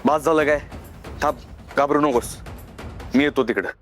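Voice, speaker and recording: An actor playing a hotheaded, protective young man who talks briskly and reassuringly. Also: a little high, music in the background, close to an everyday voice.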